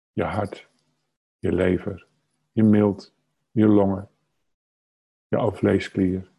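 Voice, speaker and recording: Lage, krakerige mannenstem voor geleide meditatie. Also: male voice, low voice, vocal fry, slightly rough. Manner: calm, unhurried, short phrases with long pauses. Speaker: guided meditation leader. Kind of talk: slow guided meditation narration.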